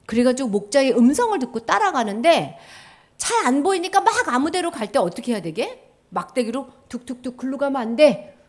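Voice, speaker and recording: A woman preaching a children's sermon, telling a Bible story in an animated way, acting out the characters and sound effects. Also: high-pitched, brisk.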